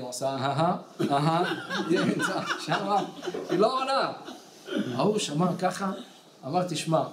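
A male rabbi giving a storytelling sermon, acting out the voices of the people in his tale. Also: sits high. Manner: animated storyteller who acts out quoted characters. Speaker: rabbi giving a weekly Torah lesson. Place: study hall in a small village. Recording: echoey hall with faint background noise.

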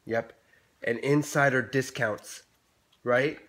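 A woman filming a casual home video, gushing with mock excitement, giggling often and playing up the joke. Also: very deep voice, takes it slowly. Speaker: parent vlogger. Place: home in the morning. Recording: roomy echo.

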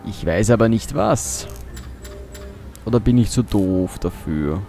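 A man's voice: fairly low pitch, animated, takes it slowly, creaky, mellow, faint music behind. A man giving casual gameplay commentary as a let's play host, muttering to himself as he thinks aloud.

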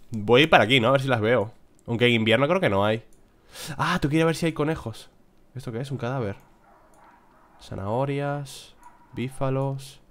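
A man's voice: mid-range voice, fairly bright tone, a little hiss or hum. A young man from Spain with a Spanish accent giving casual gameplay commentary, talking to himself and grumbling as he plays. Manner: talks to himself, grumbling and exclaiming. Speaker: gameplay streamer.

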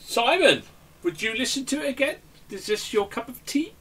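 Bright lively man, jokey host. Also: very high voice, normal speed, breathy edge, far from the mic. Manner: jokey, rambling, lots of ums and restarts. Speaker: host of album review show. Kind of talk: casual album review chat.

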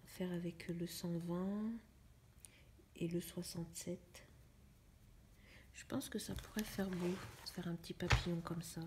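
A young woman chatting in a casual coloring vlog, musing to herself in a soft, often half-whispered voice. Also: lowish voice, fairly even intonation, a little slow, long pauses, slight background noise. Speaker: vlogger. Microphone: phone camera.

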